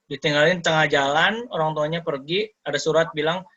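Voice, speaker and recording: A man lecturing over a video call, his voice bright and forceful and a little high for a man. He talks in a lively way, slips English terms into his explanations and jumps into the voices of the people he quotes. The audio is dull and lo-fi, like a call line. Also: brisk. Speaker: educator giving a talk. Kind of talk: online sharing session talk.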